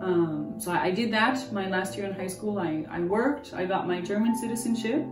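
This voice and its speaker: A twenty-something woman from the United States tells her own story in an interview, candid and rambling, with lots of restarts. Her voice is mid-range and her pace normal. The recording uses a roomy, distant mic, and guitar music can be heard in the background.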